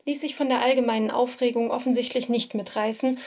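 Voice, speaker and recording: A woman narrating a first-person literary story in a measured, expressive reading. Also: on the high side, muffled recording.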